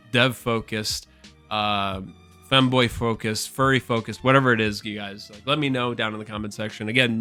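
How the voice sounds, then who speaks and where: Man, casual game commentary, bright tense voice, swears, talks to viewers. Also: lowish voice. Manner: excitable, swears, addresses viewers as guys. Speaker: gaming YouTuber.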